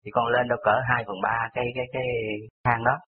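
Fast-talking Southern Vietnamese man on a phone line. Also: mid-range voice, flat delivery, slight background noise. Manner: rambling, detail-heavy storytelling. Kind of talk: recounting a personal story. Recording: tinny phone line on radio.

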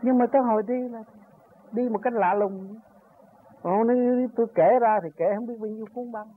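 An older man with a high-pitched voice gives a rambling spiritual talk about his own path, pushing up into emphatic peaks. The recording is tinny and narrow, like a phone line, with a faint hiss underneath. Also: moderate pace.

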